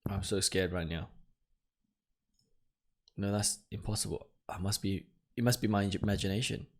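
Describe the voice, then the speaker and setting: A video game streamer with a lowish male voice, talking at a normal speed, does let's-play commentary. He reads the game text aloud and, between passages, lets out jumpy, nervous exclamations.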